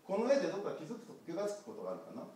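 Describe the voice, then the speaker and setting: A man, a pastor telling a picture-card story to children in a church, animated and asking them questions. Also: a little high, very fast, a little hiss or hum. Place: church sanctuary. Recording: echoey church hall from far off.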